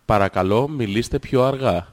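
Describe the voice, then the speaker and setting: A man's voice: medium pitch, voice pushed down, close to an everyday voice. A man voicing an automated cinema answering machine, delivering stiff, repetitive recorded-menu phrases in a comic phone-line parody. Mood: robotic, polite. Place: podcast studio.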